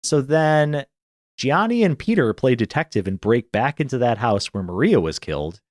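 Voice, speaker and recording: A man's voice: mid-range voice, very animated, normal speed, no room sound, studio quality. A man co-hosting a podcast, recapping a film in casual chat and laughing often as he tells the story. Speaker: podcast co-host.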